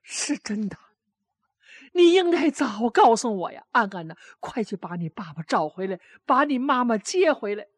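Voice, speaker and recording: A woman's voice: a little high, big pitch swings, normal speed, no room sound, clean studio sound. A woman voicing a grieving old grandmother who scolds, then pleads with remorse. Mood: remorseful.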